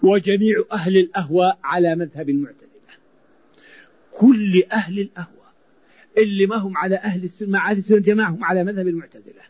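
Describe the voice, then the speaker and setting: High-voiced preacher, emphatic. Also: male voice, racing, slightly rough, dry recording. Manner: emphatic, repeating phrases for stress. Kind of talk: sermon. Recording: dull lo-fi recording.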